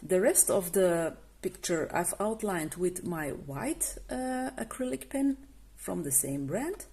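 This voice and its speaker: A non-native English-speaking woman who hosts a coloring channel gives a relaxed art marker review in a low-leaning, expressive, mellow voice, speaking slowly. She keeps hesitating, filling gaps and breaking off to restart what she's saying.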